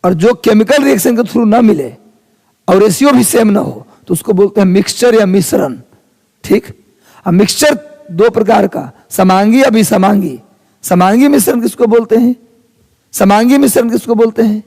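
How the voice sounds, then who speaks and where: Husky, gravelly teacher. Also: male voice, sits high, moderate pace, a little mellow. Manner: chatty, teasing students in rustic Hindi. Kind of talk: live classroom lesson. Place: classroom with students. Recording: long reverb of a hall.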